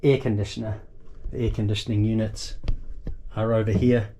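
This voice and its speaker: A man giving a casual, unscripted walkthrough of a boat's engine room, halting a little as he thinks aloud and points things out. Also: lowish voice, level tone, dark tone. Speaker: boat owner giving a tour. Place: small boat engine room.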